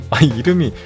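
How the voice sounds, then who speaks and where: A middle-aged man hosting a casual live stream, telling stories in a rough, profane, animated way. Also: fairly high pitch. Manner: profane, animated storytelling with constant swearing. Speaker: streamer host.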